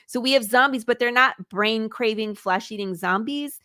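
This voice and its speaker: A woman's voice: fairly high pitch, moderate pace, bright, forceful tone, no room sound, clean studio sound. A woman from Michigan with a Midwestern accent, chatting eagerly as a guest and laughing often. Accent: Midwestern American. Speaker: comic creator guest. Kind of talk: casual interview chat.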